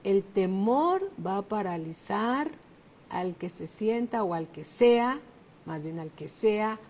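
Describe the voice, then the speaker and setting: Slow, emphatic woman pastor preaching. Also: medium pitch, lively intonation, darkish tone. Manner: slow, emphatic preaching, raising her voice for exclamations. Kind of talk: sermon.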